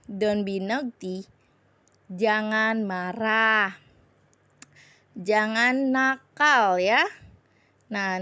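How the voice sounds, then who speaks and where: A woman English teacher with an Indonesian accent, giving a recorded grammar lesson and repeating each example slowly. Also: mid-range voice, no room sound. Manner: slow, explains in Indonesian and repeats English examples, rising on "please".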